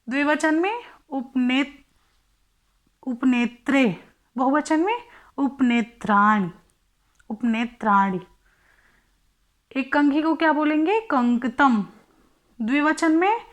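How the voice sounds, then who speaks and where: Woman, Sanskrit teacher, high voice, unhurried delivery, methodical recitation of word forms, asks and answers her own questions. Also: a bit bright. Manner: methodical, recites word forms one by one and explains each in Hindi; asks questions aloud then answers them herself. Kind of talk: exam-prep textbook lesson.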